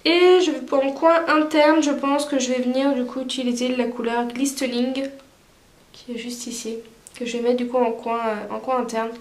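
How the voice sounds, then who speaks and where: A beauty vlogger, stuffy with a cold, chats casually through a makeup tutorial with lots of fillers. Her high voice has little pitch movement and a normal speed, and the sound is reverberant.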